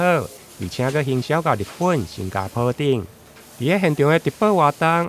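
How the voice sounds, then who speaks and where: A man's voice: a little high, a little hiss or hum. A man with a Taiwanese accent reading scripted news narration as a TV reporter.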